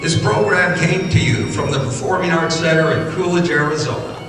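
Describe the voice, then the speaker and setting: An American man with a fairly high voice talks a little fast, doing old-time radio announcing and ad reading as announcer and Foley artist. He performs on a performing arts center stage. The distant mic picks up an echoey hall and faint music.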